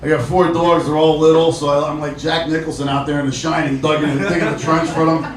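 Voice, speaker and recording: Brash middle-aged comic working the room, pitched high, heard from afar in an echoey club. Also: male voice, level tone, fast talker, a little hiss or hum. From Jersey Shore, USA. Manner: brash, profane, chatty with the audience. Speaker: stand-up comedian. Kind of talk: stand-up set with crowd work. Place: comedy club stage. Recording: roomy live club audio from a distant mic. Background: laughing crowd.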